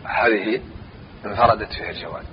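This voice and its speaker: Man slowly reciting and explaining grammar. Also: on the low side, dull audio, a little hiss or hum. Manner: slow measured recitation, repeats phrases. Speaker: teacher. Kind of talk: Arabic grammar lesson, reciting and explaining verse.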